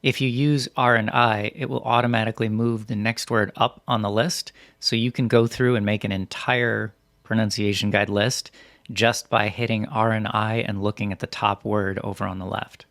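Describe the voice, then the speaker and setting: A man reading scripted instructional narration as a software tutorial presenter, in a methodical, step-by-step way. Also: on the low side, little pitch movement, moderate pace, no room sound, studio quality.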